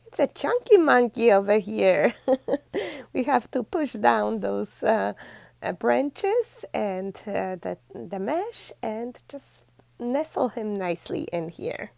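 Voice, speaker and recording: Gravelly-voiced woman teaching a craft. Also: on the high side, slow, no room sound. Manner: chatty and effusive, warmly thanking viewers as "besties"; steady step-by-step instructions. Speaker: DIY craft channel host. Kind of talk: craft tutorial narration.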